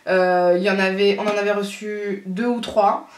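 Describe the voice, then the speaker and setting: A woman's voice: mid-range voice, fairly even intonation, normal speed, a little hiss or hum. A young woman chatting casually about beauty products, full of laughs and fillers. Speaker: beauty vlogger. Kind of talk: casual haul chat. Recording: roomy sound from a distance.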